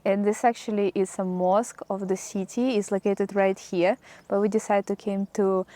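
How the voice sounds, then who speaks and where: A woman's voice: mid-range voice, level tone, moderate pace, mellow, dry recording. A woman with a Russian accent talking casually as a travel vlogger. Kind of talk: casual vlog chat.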